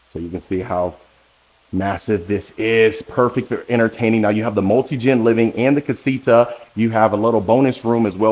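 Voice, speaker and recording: A man's voice: on the low side, a little mellow. A man hosting a walkthrough tour of a new model home, talking straight to the viewer in an enthusiastic, salesy way while he walks from room to room with a handheld camera. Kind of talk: walkthrough house tour narration.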